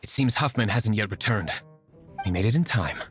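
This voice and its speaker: A man's voice: lowish voice, lively intonation, normal speed, fairly bright tone, soft background music. An actor playing a curt, aloof young nobleman and secret vigilante in a video game, speaking drily and formally. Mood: brisk. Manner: dry, formal, terse.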